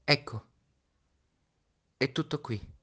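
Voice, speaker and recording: A man reading a storybook voices the Little Prince, a gentle, earnest small boy, in a raised, pleading childlike voice. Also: medium pitch, takes it slowly, voice pushed up. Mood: tender.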